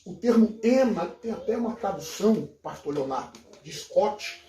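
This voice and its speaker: A man talks through biblical Greek like a teacher, with rising emphasis when he hits a point he finds striking. His voice sits high and dark, and he is picked up from a distance in a roomy, echoing space. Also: animated, normal speed. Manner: explanatory, enthusiastic, emphatic. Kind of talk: casual theological conversation. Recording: echoey room, distant from mic.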